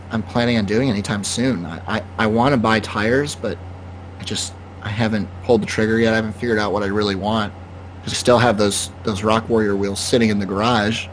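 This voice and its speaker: A man co-hosting a podcast, chatting in a relaxed, rambling way about his plans. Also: lowish voice, normal speed, slight background noise. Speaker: podcast co-host. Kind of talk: casual podcast chat.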